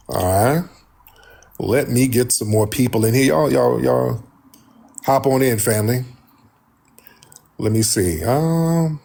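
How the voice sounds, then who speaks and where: A man's voice: medium pitch, gravelly, a little mellow, breathy edge. An American man hosting a casual live talk, speaking in a blunt, colloquial way. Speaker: host.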